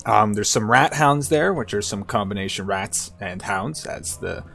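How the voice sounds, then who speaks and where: A man's voice: fairly low pitch, expressive, moderate pace, vocal fry, a bit bright, soft background music. A man giving casual let's play commentary as he plays and narrates a game.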